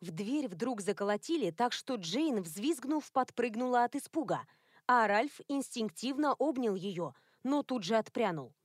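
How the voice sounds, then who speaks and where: A woman narrating a novel in a measured, expressive reading style. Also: a little high, no room sound, clean studio sound. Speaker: audiobook narrator. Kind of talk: scripted narration.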